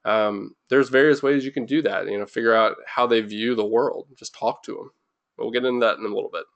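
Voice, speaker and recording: A man's voice: fairly low pitch, fairly even intonation, a little fast, gravelly, a bit bright, muffled recording. A young man hosting a webinar in an informal, rambling way, full of fillers and restarts, a little jittery from too much caffeine. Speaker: webinar host.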